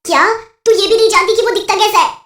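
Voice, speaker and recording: A woman's voice: extremely high pitch, quick pace, a bit bright, distant mic, pitched above the performer's own voice. Woman doing a bossy older witch. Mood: scolding. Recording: roomy echo.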